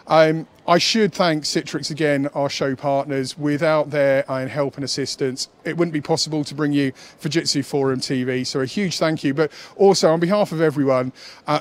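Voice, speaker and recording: A man rounds off an event broadcast with urgent, emphatic energy, pressing viewers to go and watch. His voice sits a touch high, and he sounds short of breath. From United Kingdom. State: running out of breath. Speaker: event TV host. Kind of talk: energetic event wrap-up presenting.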